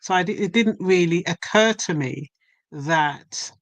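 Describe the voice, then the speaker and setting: This guest is an English poet and author in her 70s, chatting casually and telling stories thoughtfully and deliberately. Her voice is lowish, and the sound is dry.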